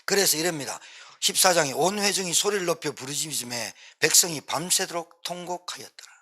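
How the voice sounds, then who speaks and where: Bright, husky-voiced man preaching emphatically. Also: on the high side, brisk. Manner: emphatic, repeats points for stress, acts out quoted pleas. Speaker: pastor. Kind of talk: sermon.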